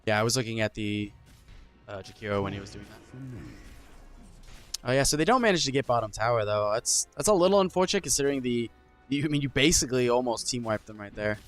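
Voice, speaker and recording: A man's voice: mid-range voice, fast, faint music behind. A man giving casual play-by-play esports commentary, thinking aloud, hedging and correcting himself as he goes. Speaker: esports caster.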